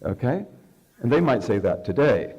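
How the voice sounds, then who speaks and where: Guy giving a religious lecture, warm relaxed voice, keeps saying okay to the room. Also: mid-range voice, moderate pace, breathy edge, highs cut off. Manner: conversational, checks in with the audience using "okay". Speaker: Islamic scholar lecturing.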